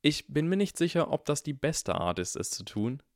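A man's voice: a little high, sing-song, normal speed, dry recording, clean studio sound, voice pushed up. A man voicing a clever, cheeky young schoolboy with a wry, theatrical way of talking in a storybook reading.

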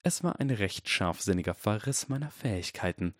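A man's voice: lowish voice, lively intonation, no echo, clean studio sound, lightly acted. Lucius Malfoy, a silky cold aristocrat, read by a man. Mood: icy. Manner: icy, measured and menacing.

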